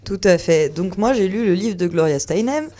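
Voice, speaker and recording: A woman's voice: mid-range voice, animated, normal speed, mellow. Chatty woman columnist. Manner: chatty, many fillers and restarts, laughs easily. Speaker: radio show columnist. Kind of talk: casual radio chat.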